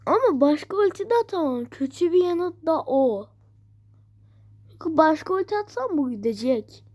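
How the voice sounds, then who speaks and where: A woman streamer giving excited live commentary on her own gameplay, jumping between loud outbursts and quick whispers. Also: high-pitched. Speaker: gaming streamer.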